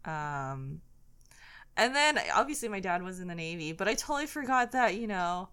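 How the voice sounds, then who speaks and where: A young woman from the Philippines who grew up in California, a nervous guest telling her story with many pauses and fillers. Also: lowish voice, very animated, a bit bright, clean tone. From Philippines, raised in California. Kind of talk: casual chat.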